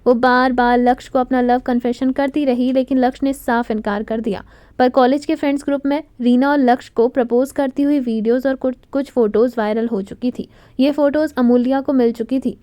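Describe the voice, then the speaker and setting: A woman storyteller giving an expressive, dramatic reading of a scripted romantic story. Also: high voice, brisk, no echo.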